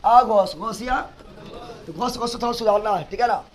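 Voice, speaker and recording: A man's voice: high voice, quick pace, faint music behind. A man teaching an exam-prep class, drilling terms by repeating them and scolding students.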